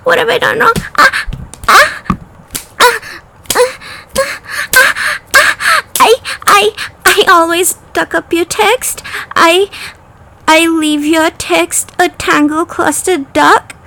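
A woman's voice: extremely high pitch, steady tone, slow pace, sharp tone, exaggerated voice. A woman voicing a prim, flustered female autocorrect program in a comedic parody, talking in a melodramatic, coy and pleading way. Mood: distressed.

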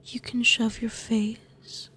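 A woman whispers close and tender in an ASMR roleplay, doting on the listener. Her pace is unhurried to the point of lingering on every word, and her whisper sits a little high. The tone stays gentle and lulling throughout. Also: level tone. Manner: soothing, doting.

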